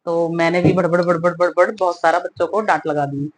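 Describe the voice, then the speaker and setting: A woman's voice: fairly low pitch, fairly even intonation, quick pace, slight background noise. A middle-aged woman who is a mother, telling a casual, chatty home story as a vlogger and laughing often as she goes.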